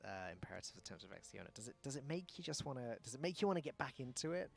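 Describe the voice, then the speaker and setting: A man hosting a casual livestream, curious and full of questions for his guests. His voice has a gravelly edge and sits at an ordinary pitch. He talks in a relaxed, conversational way. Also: very fast. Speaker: stream host.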